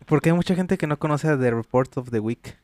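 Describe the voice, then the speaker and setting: A man's voice: fairly high pitch, fairly quick, a little mellow, no room sound. A young man chatting casually, insisting on his point in an easygoing way. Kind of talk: casual chat.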